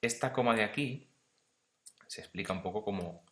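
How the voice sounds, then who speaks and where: A man teacher explaining punctuation step by step, often checking in with his students and reading quoted passages slowly. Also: fairly low pitch. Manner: reads quoted text slowly and louder. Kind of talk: punctuation lesson.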